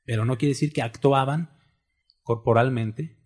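Husky man preaching. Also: medium pitch, moderate pace, a little mellow. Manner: conversational preaching, rhetorical questions to the congregation. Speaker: pastor. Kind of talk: sermon.

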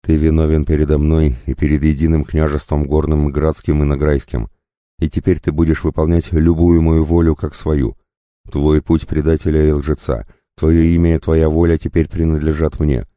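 A man voicing a cold, vengeful woman who condemns a traitor, speaking slowly and intoning each word. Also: rumbling low, flat delivery, warm tone, dry recording, clean studio sound. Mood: condemning.

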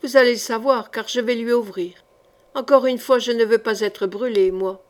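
A grim servant woman, voiced by a female reader, her words dry and laced with mournful irony, never ruffled even when her master rages. A fairly high, clear reading voice. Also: moderate pace, lightly acted. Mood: cold.

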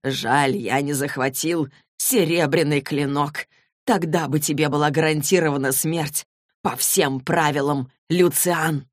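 A woman's voice: low voice, fairly even intonation, a little slow, no echo, clean studio sound. A woman reading an audiobook voices a furious, cruel older male warrior who speaks to a wounded foe with menace and contempt. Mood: contemptuous.

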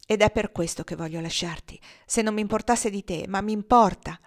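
Woman voicing restless young gold-seeking man, eager, hurried, audiobook. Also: mid-range voice, natural voice. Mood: forceful. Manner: hurried, enthusiastic.

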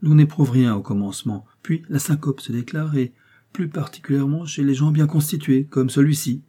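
A man's voice: on the high side, moderate pace, mellow, husky, voice pushed up. A man voicing an anxious young country doctor who explains things earnestly. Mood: explaining.

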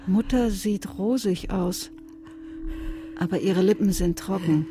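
A woman's voice: mid-range voice, slow, noisy background, close to an everyday voice. An actress playing a young daughter who pleads tenderly with her dying mother in a radio play. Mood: pleading. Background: music.

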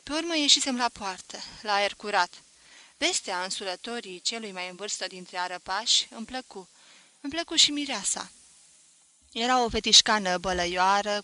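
A woman reading a novel aloud in a measured, expressive storytelling manner, close to the microphone. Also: medium pitch, dry recording. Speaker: audiobook reader. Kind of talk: literary reading.

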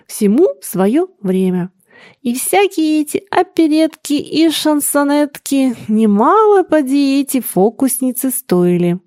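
A raised, slow-spoken voice of an excitable aging father, as a woman reader plays him, swinging between sly teasing and shrill hurt. He drags his words out in a close, dry take with no room sound around them. The delivery stays emotional and pressing. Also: no room sound, full character voice.

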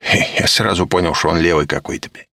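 A man's voice: sits low, steady tone, fast, pushed and bright, dry recording, exaggerated voice. A man reading an audiobook, voicing a surly teenage street thug who talks bluntly in swearing slang. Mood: gruff.

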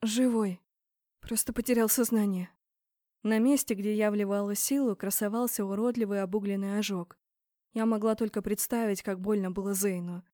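A woman's voice: mid-range voice, fairly even intonation, a little fast, mellow, dry recording, clean studio sound. A woman narrating a first-person fantasy audiobook in a tense, dramatic manner.

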